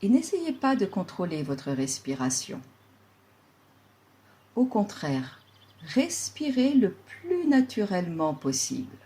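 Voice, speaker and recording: A woman instructs a guided yoga relaxation at a medium pitch. She sounds calm and soothing, choosing her words deliberately and letting long pauses fall between them.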